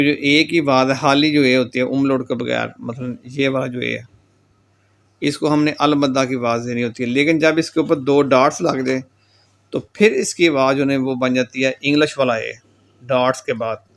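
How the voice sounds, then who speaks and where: A man's voice: medium pitch, fairly even intonation, moderate pace, vocal fry. A man teaching German pronunciation, reading out example words with their meanings in a patient lecture style and often adding a short filler tag. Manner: reads each word and its meaning, repeats the filler tag "theek ho gaya ji". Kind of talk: classroom lecture explaining pronunciation with word lists.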